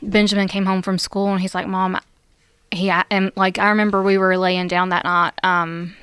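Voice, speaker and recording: A woman with a very smooth, clear voice that sits a little low and moves in a narrow, steady range. She talks earnestly and reflectively in casual church chat, with frequent "um"s. The sound is dry and close to the mic. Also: moderate pace, dry recording. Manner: earnest, thoughtful, many fillers. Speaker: church member, mother.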